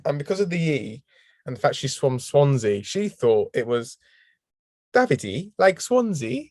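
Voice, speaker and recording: Casting: animated male podcast co-host, chatty and giggly, dry studio sound. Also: mid-range voice, moderate pace, no echo. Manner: chatty, laughs often. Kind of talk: casual chat.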